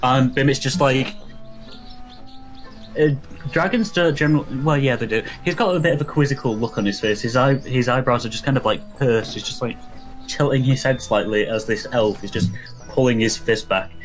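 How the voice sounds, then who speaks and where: A man's voice: mid-range voice, normal speed, faint music behind, rough recording. A man improvising narration as game master of a tabletop role-playing game.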